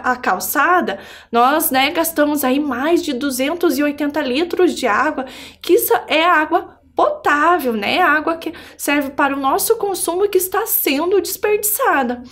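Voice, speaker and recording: A woman's voice: high voice, expressive, normal speed, a bit bright. A Brazilian woman teaching a remote primary school lesson, talking to children like a cheerful kids show host and prompting them with questions.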